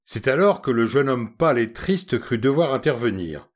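A man reading a literary short story aloud with an expressive, ironic manner. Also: medium pitch, moderate pace. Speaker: narrator.

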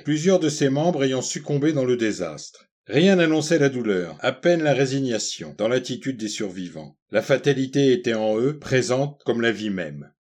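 Man reading a novel aloud, calm and measured, mid voice. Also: medium pitch. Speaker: narrator. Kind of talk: scripted audiobook narration.

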